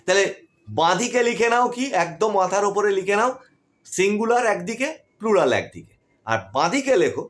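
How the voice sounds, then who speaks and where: A man with a Bengali accent teaching English grammar in an online class, asking his students questions and answering them himself. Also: a little fast. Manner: lively, rises and drops sharply in pitch, asks questions then answers them.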